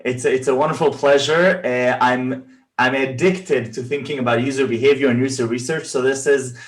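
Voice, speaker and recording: A man hosting a podcast interview over video call asks questions with enthusiasm, frequently restarting his words in casual conversation. He speaks in a mid-range voice with a steady tone at normal speed.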